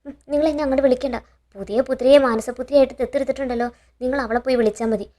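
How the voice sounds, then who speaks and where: A woman's voice: high voice, fairly even intonation, rapid-fire, mellow. A woman voicing a proud, defiant young woman while retelling a serial.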